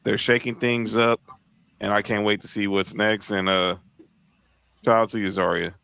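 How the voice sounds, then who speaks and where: A man's voice: on the low side, little pitch movement, moderate pace, creaky, fairly bright tone, clean tone. A man co-hosting a podcast in casual chat, running through lists and restarting phrases. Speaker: podcast co-host.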